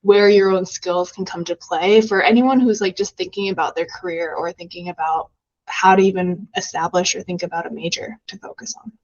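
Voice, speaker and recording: A woman's voice: fairly low pitch, fairly even intonation, brisk, muffled recording. A woman hosting a podcast interview, asking long, encouraging questions with "you know" in between. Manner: warm, encouraging, wordy questions. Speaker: podcast host.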